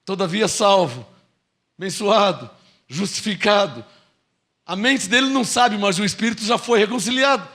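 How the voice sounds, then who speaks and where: A Brazilian man preaching a sermon as pastor, swinging from quick asides to slow, drawn-out shouted proclamations. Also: sits high. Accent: Brazilian Portuguese. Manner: mimics doubting listeners in a small mocking voice.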